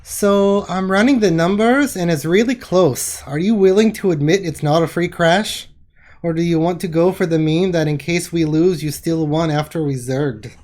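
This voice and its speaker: A woman reading chat as a calculating male guild leader, in a measured, reasoning way. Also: on the low side, darkish tone, close to an everyday voice. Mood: earnest.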